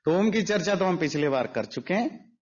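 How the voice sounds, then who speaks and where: A man's voice: high-pitched, animated, normal speed, breathy edge. A man teaching a spiritual lecture in an emphatic, explanatory way, mixing in English phrases. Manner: mixes Hindi with English phrases. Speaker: religious teacher. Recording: dull lo-fi audio.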